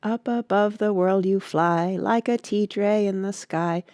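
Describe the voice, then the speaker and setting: A woman's voice: mid-range voice, unhurried, a little mellow, smooth, dry recording, studio quality, lightly acted. A woman voicing an eccentric, touchy, mournful male Hatter from a storybook, with an argumentative, lecturing manner. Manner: contemptuous, argumentative, given to lecturing.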